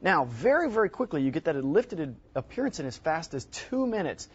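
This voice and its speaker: On an indoor TV studio set, an expert guest in his thirties pitches a product on a home shopping show, stressing points by repeating words. He speaks at a moderate pace in a fairly high, sing-song voice with a breathy edge. A lapel mic captures slightly dull, lo-fi broadcast sound.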